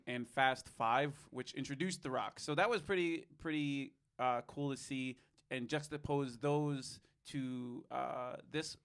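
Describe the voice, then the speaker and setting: A man's voice: a little high, fairly bright tone. A man co-hosting a podcast, talking in a rambling, profane way with lots of restarts. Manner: rambling, profane, self-interrupting. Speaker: podcast co-host. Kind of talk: casual review chat.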